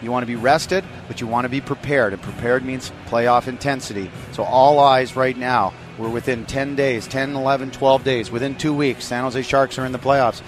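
A man's voice: mid-range voice, steady tone, normal speed, few pauses, faint music behind. A man giving pregame radio commentary as an analyst, emphatic and building his points with lists and repetition.

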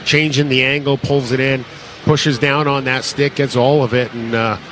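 A North American man giving unscripted hockey colour commentary in a conversational, halting way. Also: medium pitch, little pitch movement, a bit bright, slight background noise, low-quality recording. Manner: conversational, hesitant phrasing. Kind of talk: unscripted sports analysis commentary.

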